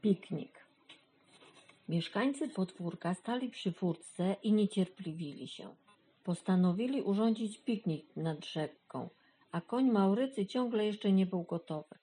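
A woman narrating a children's storybook in a calm, even manner. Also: medium pitch, measured pace, slightly rough.

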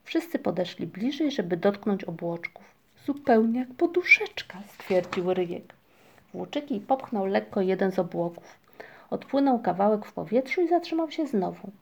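Female storybook narrator, calm and even, mellow tone. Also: mid-range voice, moderate pace, vocal fry, slightly rough. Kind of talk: storybook reading.

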